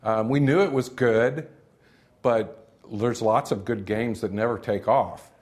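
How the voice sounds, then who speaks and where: Low-voiced man telling game studio stories. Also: unhurried, a little mellow. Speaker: game developer. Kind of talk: interview recollection.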